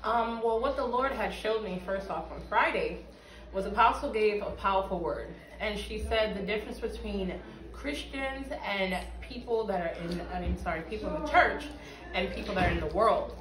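Crowd noise sits behind a woman speaking at normal speed in a mid-range voice. Earnest and emphatic, she gives a church testimony in an interview, seated in a small bare-walled room, recorded echoey from a distant mic.

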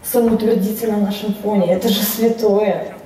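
A woman's voice: medium pitch, fairly even intonation, moderate pace, natural voice. Echoing, vain anime sorceress acted by a woman. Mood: haughty, bitter. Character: vain, forgotten anime sorceress, bitter and complaining. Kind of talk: theatrical anime parody skit. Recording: echoey hall, far off, music, crowd.

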